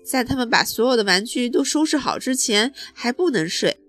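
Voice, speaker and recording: A woman's voice: on the high side, lively intonation, moderate pace, soft background music. Firm, patient mother bear read by a woman. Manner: gently scolding, firm.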